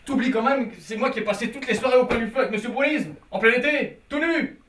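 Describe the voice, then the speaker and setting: A man's voice: very high voice, fast, fairly bright tone, far from the mic, slight background noise. An actor playing a cocky schemer who lectures his friend on swindling rich men, in a live stage comedy. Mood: indignant. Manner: lecturing, sly, boastful. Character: scheming, cocky con man. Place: theater stage. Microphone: distant room mic. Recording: echoey live stage recording from afar.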